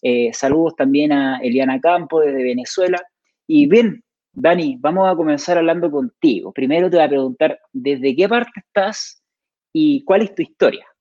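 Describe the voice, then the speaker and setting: A man hosting an online interview in Spanish, affable, prompting his guest with steady short backchannels. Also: on the high side, moderate pace, no room sound, lo-fi sound. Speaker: host.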